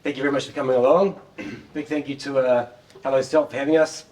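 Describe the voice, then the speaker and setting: A man's voice: medium pitch, steady tone, quick pace, darkish tone. A middle-aged man with a New Zealand accent gives an informal tech talk in a joking, self-deprecating way, often repeating words. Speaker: software developer giving a talk. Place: indoor meeting room, standing at a laptop beside a screen. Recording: distant room microphone.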